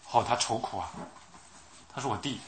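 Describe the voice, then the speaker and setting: At normal speed and medium pitch, a preacher delivers his sermon, acting out the voices of those he quotes. He keeps putting questions to the audience and repeats himself often.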